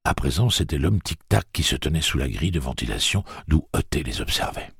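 A man reading a story aloud as narrator, in a dramatic, animated way. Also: a bass voice, a little fast, creaky, breathy edge, no room sound, studio quality. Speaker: audiobook narrator. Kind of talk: scripted narration.

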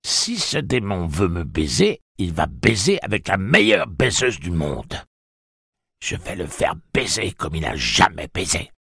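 A man's voice: low-pitched, wildly swooping pitch, measured pace, creaky, a bit bright, breathy edge, no room sound, studio quality, pitched above the performer's own voice, exaggerated voice. A man voicing a cynical, crude woman with a put-on Southern drawl in an audiobook. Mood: mocking. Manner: mocking, defiant.

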